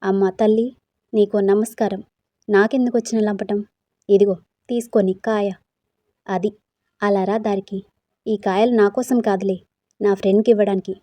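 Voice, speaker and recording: Female storyteller, mellow voice, dry close recording, voices all the characters plainly. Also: medium pitch, steady tone, moderate pace, long pauses, no echo.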